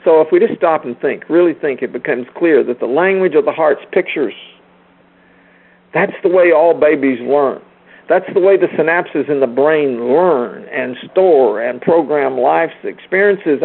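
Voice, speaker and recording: A man's voice: on the high side, a little slow, vocal fry, breathy edge, narrow, tinny audio. A man giving a sermon-like spiritual lecture, emphatic and rhetorical, repeating phrases and addressing his listeners directly. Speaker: speaker teaching a group.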